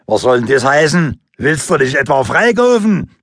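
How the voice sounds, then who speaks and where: A man's voice: on the high side, big pitch swings, normal speed, fairly bright tone, no room sound, studio quality, pitched above the performer's own voice. A man doing a sarcastic thug sidekick. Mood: sarcastic, combative. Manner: sarcastic, combative. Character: gruff male robber sidekick with a club, anti-capitalist.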